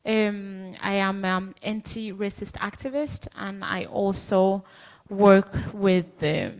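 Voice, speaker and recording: A woman's voice: mid-range voice, takes it slowly. A woman from Denmark with a mid-range voice introduces herself on an online panel. She speaks informally, with little fillers between thoughts. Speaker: panel participant, lawyer and activist.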